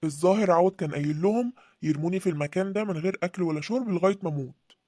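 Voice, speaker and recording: A voice actor playing a gentle young husband who speaks Egyptian Arabic in a calm, earnest storytelling voice. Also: mid-range voice, rapid-fire, no echo, studio quality, natural voice. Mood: recounting.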